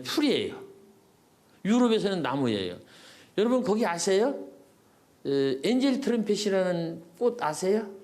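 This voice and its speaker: This older Korean poet's voice sits high and sounds a little mellow as he delivers a folksy public lecture to older adults. He's from South Korea, questions the audience only to answer himself, and leans on repeated words for emphasis.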